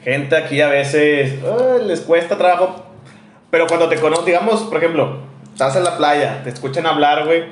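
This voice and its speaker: A man's voice: on the high side, moderate pace, roomy sound, slight background noise. A man from Monterrey with a northern Mexican accent, co-hosting a podcast in casual, slangy, swear-filled chat. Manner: slangy, swears a lot, says "güey" constantly. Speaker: podcast co-host.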